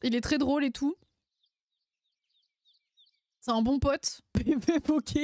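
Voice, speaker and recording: Woman streamer, high voice, dry close sound, slangy and laughing. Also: steady tone, slow, a little mellow, no room sound. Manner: laughs often, slangy and playful. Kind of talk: casual live-stream chat.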